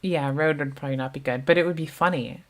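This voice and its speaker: A woman's voice: deep voice, quick pace. A woman with a Southern US accent doing casual live commentary on a card game tournament, chatty and thinking aloud as she answers viewers' questions.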